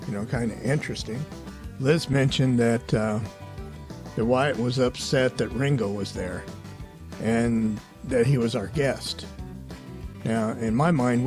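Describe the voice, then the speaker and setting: A man with a mid-range voice hosts a paranormal investigation show, giving a casual voice-over recap. He sounds relaxed and conversational and frequently hedges his opinions.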